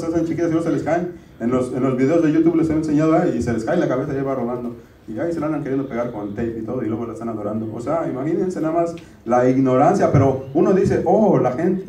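A man's voice: a little high, mellow, slight background noise. A middle-aged man preaching a sermon as pastor, talking to the congregation in a conversational way and often calling them brothers. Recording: roomy, distant church recording.

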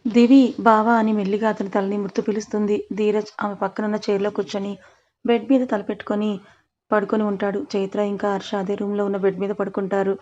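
A woman reads a serialized romance story aloud, calm and steady. Her pitch stays flat and narrow. The recording sounds a little dull and lo-fi. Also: fast.

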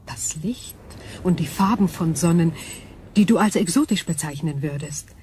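Lightly acted, a woman's fairly low voice portrays an ancient alien cosmic intelligence in a science fiction radio drama. She sounds calm, formal, and analytical, measured and detached, with a solemn, wistful mood and a little hiss or hum.

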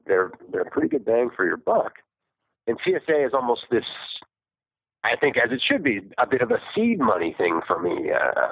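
Male farmer guest on a flip phone call, dry husky line, animated rambling delivery. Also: fairly low pitch, dry recording. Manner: rambling, self-correcting, laughs often. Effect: talking over a flip phone call. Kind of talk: casual interview chat.

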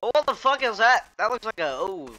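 A young man hosting gameplay commentary with friends, excitable, swearing a lot and yelping when startled. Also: high-pitched, fairly quick, poor audio. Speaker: gaming video host. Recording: friends' chatter heard behind.

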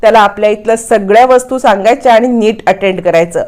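A woman's voice: medium pitch, brisk, a little mellow, lightly acted. Brief: know-it-all young man coaching a friend, as a woman narrator voices him. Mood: lecturing. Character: young man lecturing a friend on business tips.

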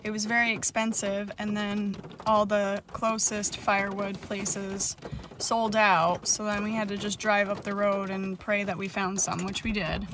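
A woman's voice: mid-range voice, fairly bright tone. A young woman chatting casually and laughing often as a vlogger at a rainy campsite. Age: young adult. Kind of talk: casual vlog chat. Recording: noisy outdoor campsite recording. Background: rain and outdoor ambience.

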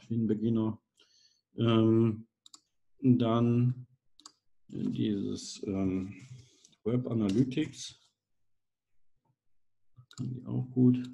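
A middle-aged man with a lowish, gravelly, mellow voice runs a casual screen-share tutorial on a video call for an online course. He's chatty and self-deprecating, thinking aloud with plenty of fillers.

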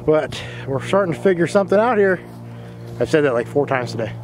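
Fishing on a cold, windy pond shore, a man vlogs casual outdoor narration into a chest-mounted action camera, feeling cold and sniffling with a runny nose. His fairly high voice is lively and a little fast, heard over music in a low-quality recording.

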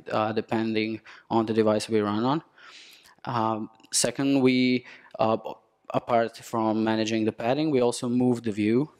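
A young man from Serbia with a Serbian accent, giving a technical conference talk from a lectern in a halting way with many restarts. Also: medium pitch, a little mellow, smooth. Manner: halting, with frequent restarts and fillers. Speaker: conference speaker.

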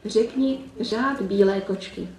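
Woman doing a gentle old wizard grandpa. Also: mid-range voice, roomy sound, recorded from a distance, natural voice.

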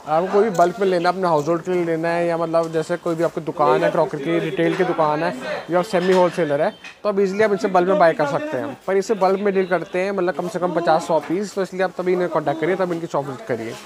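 A man's voice: sits high, steady tone, fast talker, a crowd in the background. A man giving a walking tour of a market shop on a handheld phone camera, often repeating words as he points things out. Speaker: vlogger. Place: busy city market street and shop at night. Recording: street noise behind.

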